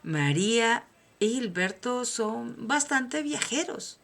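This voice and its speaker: Her accent is Colombian, and this woman from Colombia hosts a personal motivational monologue with emphatic, preaching delivery that shifts from soft asides to loud declarations. Her voice is on the high side, expressive, slow-paced and marked by vocal fry.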